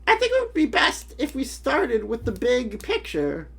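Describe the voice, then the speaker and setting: Sex: woman. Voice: husky, lively. Role: streamer. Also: on the high side, normal speed. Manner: casual, puzzled, thinking aloud. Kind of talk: live-stream reading reaction.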